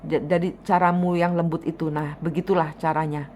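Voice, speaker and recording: Woman tarot reader, lower voice, blunt emphatic advice, faint background noise. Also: flat delivery, normal speed, a little mellow. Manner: blunt, emphatic advice with repeated "gitu loh", drops into Javanese phrases. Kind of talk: personal tarot reading, advising a client.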